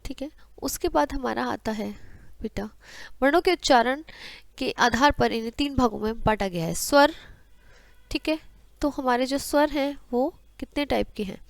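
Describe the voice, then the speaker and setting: A woman's voice: high voice, moderate pace, creaky, no echo. A young adult woman, teaching a grammar lesson to schoolchildren, calling them beta and reciting the letters aloud in drills. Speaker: Hindi teacher.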